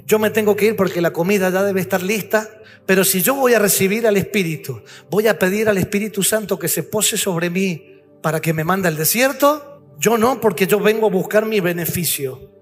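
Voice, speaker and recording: A man preaches in a high voice, firing off rhetorical questions and swinging between forceful lines and near-hushed ones. His sermon rings through a hall with a long reverb. Faint music sits behind him. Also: normal speed.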